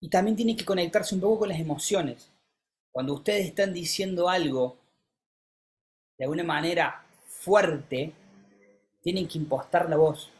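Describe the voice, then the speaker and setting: A speaking coach, teaching a live masterclass and calling on students by name, who keeps changing pitch and pace to show what is meant. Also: moderate pace, darkish tone. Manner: demonstrative, shifts pitch and pace to illustrate; coaxing, calls on students by name.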